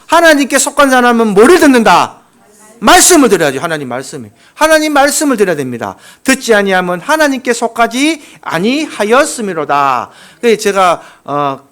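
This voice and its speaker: A male pastor with a Gyeongsang accent delivers a sermon in a high, bright register. His pitch swings widely between emphatic peaks and sudden quiet asides. His delivery is folksy and full of anecdotes. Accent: Gyeongsang Korean.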